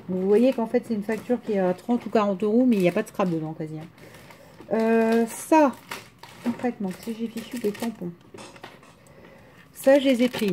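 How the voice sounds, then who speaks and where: A vlogger from France with a rural French accent shows viewers her craft haul, chatting casually and rambling with hesitations and restarts. Her voice is medium-pitched with a dark tone. Slight background noise can be heard.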